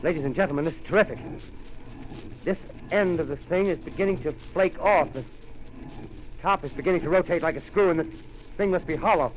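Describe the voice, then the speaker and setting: A man with a fairly high voice, lightly acted, plays an adult field reporter in a 1930s radio drama describing an alien landing. Shaken, he speaks haltingly and stammers, growing more panicked. The audio sounds like a noisy 1930s radio broadcast.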